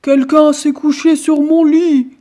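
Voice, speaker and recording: A woman voicing the big bear in a storybook reading, shouting in outrage. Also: high voice, flat delivery, takes it slowly. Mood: angry. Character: big bear, loud and angry.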